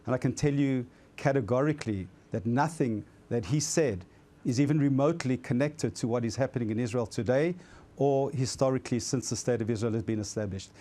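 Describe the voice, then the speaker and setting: A man from South Africa, founder of an advocacy group, arguing forcefully and categorically in a debate. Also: mid-range voice, fairly quick. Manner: forceful, categorical, stumbling at times. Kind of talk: studio debate.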